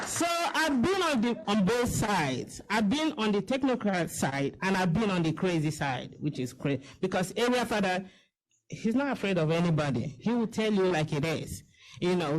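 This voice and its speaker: A Nigerian woman in her fifties, a diaspora campaign organizer, addresses a gathering with an impassioned, persuasive, pleading speech. Her voice is medium-pitched, and the audio quality is poor.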